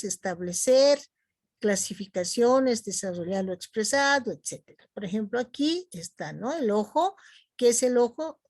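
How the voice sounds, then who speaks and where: A Bolivian woman teacher talks through a video class at an unhurried pace, checking in with "¿no?" and pausing on fillers as she thinks. Her Bolivian Spanish accent is clear, and the recording is dry and close, with no room sound. Her pitch sits at a middle level for a woman. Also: no room sound. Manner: slow, explanatory, with frequent "¿no?" tags and fillers. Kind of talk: recorded video lecture on punctuation.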